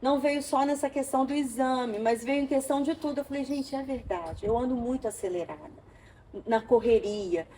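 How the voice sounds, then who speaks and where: A woman from Brazil, an interview guest, telling an emotional personal story with animated storytelling and acted-out dialogue. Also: high voice, moderate pace, a little hiss or hum.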